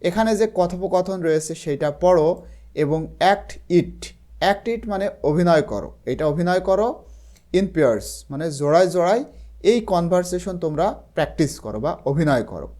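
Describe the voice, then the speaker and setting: A teacher from Bangladesh with a Bangladeshi Bengali accent gives an explanatory online lesson, reading English phrases slowly and then translating each one. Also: medium pitch, animated, dark tone.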